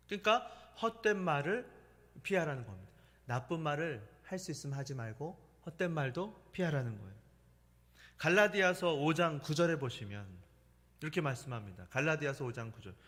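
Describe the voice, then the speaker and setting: A middle-aged male pastor with a fairly high voice preaches in a relaxed, anecdotal style. His pitch swings a great deal as he tells stories. His voice carries a long reverb from the church sanctuary. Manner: conversational storytelling preaching with laughter. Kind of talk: sermon.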